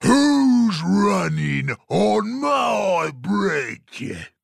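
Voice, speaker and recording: A man voicing a hungry, greedy troll under a bridge, shouting his lines slowly. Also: sing-song, vocal fry, no room sound, studio quality, full character voice. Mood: menacing. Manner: booming, drawn-out shouting.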